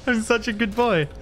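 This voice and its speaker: An extremely high-pitched, fairly bright male voice belongs to a Scottish streamer chatting with viewers during a game. He's casual, rambling and quick to mock himself. The audio has noticeable background noise.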